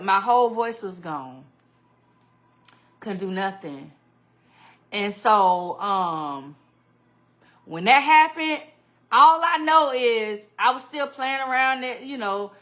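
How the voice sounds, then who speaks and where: Speaking slowly in a fairly bright, higher voice, a livestream host chats casually and animatedly with her viewers. She welcomes them by name and laughs often throughout.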